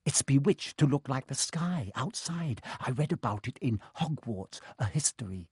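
A man voicing an eager know-it-all young girl who whispers quickly. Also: medium pitch, animated, darkish tone, husky, dry recording, studio quality.

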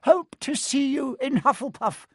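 A man voicing a fat, jolly little ghost monk who speaks gently and forgivingly. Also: very high voice, lively intonation, measured pace, no room sound, studio quality, voice pushed up.

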